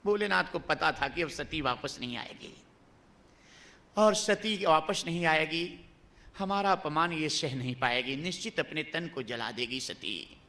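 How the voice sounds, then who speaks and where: Bright-voiced male devotional preacher. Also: on the high side, unhurried. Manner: animated storytelling. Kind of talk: devotional storytelling discourse.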